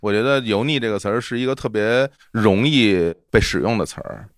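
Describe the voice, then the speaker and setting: A man, a podcast host answering questions in a casual group chat, laughing often and repeating himself when excited. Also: fairly low pitch, a little fast, no room sound, studio quality. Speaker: podcast host being interviewed.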